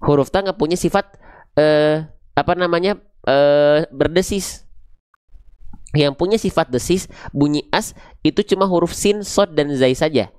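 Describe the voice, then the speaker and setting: A man's voice: fairly high pitch, a little slow, long pauses, darkish tone, clear, resonant tone, dry recording, studio quality. Patient man drilling recitation syllables. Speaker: Quran recitation teacher. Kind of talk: online pronunciation lesson.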